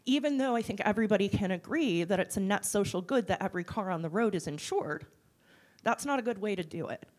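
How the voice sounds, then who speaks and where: Woman, middle-aged, blunt, wry, animated, keynote Q&A, handheld mic, large hall. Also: medium pitch, fast talker. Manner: blunt, wry, animated, gestures while talking. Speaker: keynote speaker. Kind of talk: keynote Q&A, candid and conversational. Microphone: handheld microphone.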